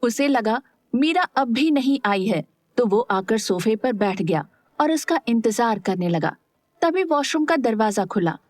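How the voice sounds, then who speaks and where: A woman narrating an audio story smoothly in a steady storytelling style. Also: on the high side, a little slow, dry recording.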